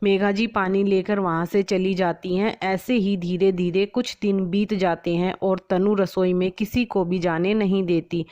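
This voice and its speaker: A woman narrating a family story in a plain, even storytelling manner. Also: mid-range voice, unhurried, hardly any pauses, highs cut off.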